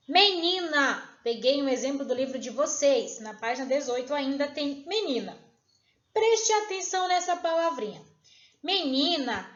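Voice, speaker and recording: High-voiced woman teaching in an echoey room. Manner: patient, checks in with tag questions, slows down on syllables. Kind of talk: recorded remote lesson. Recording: echoey room, dull lo-fi sound.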